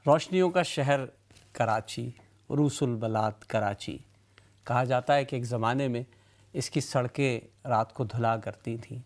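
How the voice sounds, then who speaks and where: A man, hosting a TV talk show and opening it with a measured, reflective studio monologue. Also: mid-range voice. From Karachi, Pakistan. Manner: measured, reflective storytelling with rhetorical lists. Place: TV studio with city backdrop, indoors.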